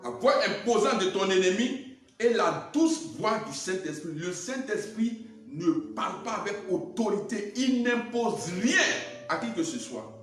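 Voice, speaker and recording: Man preaching, testimony, loud then hushed, high voice, echoey hall, faint music. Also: measured pace, recorded from a distance. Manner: animated, swings from loud to hushed. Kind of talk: sermon with personal testimony.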